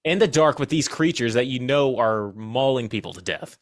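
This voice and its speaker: Animated man ranting about a movie. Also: normal speed, no room sound, studio quality. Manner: animated, laughing, jumps to high indignant pitch. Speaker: podcast co-host. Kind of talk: casual movie discussion.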